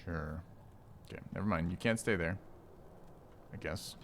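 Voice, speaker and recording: A man's voice: deep voice, a little slow, a bit bright, slight background noise. A man streaming a strategy game, thinking aloud in casual commentary, puzzled and now and then swearing at the game's rules.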